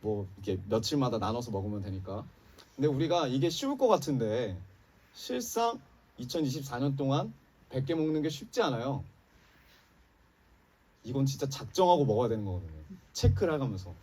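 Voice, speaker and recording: A man's voice: medium pitch, big pitch swings, a little fast, warm tone, husky. A man preaching a Sunday sermon as pastor, speaking passionately and addressing the congregation directly. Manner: impassioned preaching, rising and dropping emphatically, addresses congregation. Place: church sanctuary. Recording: church sermon recorded from a distance.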